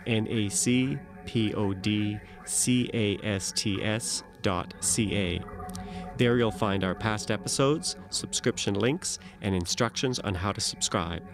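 Lower-pitched man announcing over music. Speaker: podcast announcer. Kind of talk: scripted outro narration. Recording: music behind the voice.

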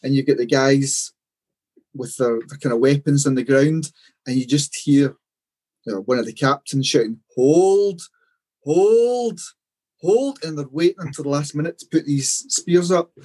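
A man's voice: mid-range voice, moderate pace, darkish tone, breathy edge. A man on a sports podcast, recalling matches in a reflective, storytelling way, full of fillers. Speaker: podcast co-host. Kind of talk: casual sports podcast chat.

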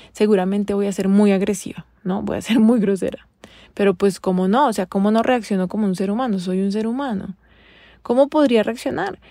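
A woman's voice: on the high side, warm tone. A woman talks straight to her viewers in a casual monologue, venting with rhetorical questions. Her tone is wry and exasperated. The sound is close and dry, with no room echo. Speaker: vlogger addressing women.

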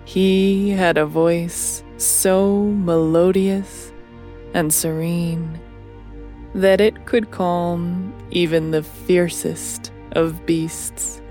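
Very slow sleep story narrator, a woman. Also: on the low side, little pitch movement, warm tone, soft background music.

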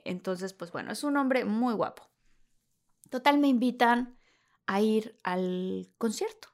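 A woman with a Mexican Spanish accent, a guest telling an anecdote in an animated way. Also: on the high side, slow. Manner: animated, acts out the scenes. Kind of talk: storytelling anecdote.

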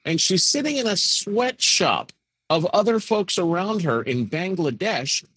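Husky guy, high voice, all over the place, cussing and riffing on a podcast. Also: unhurried. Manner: crude, animated storyteller. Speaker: podcast co-host. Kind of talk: casual comedic chat.

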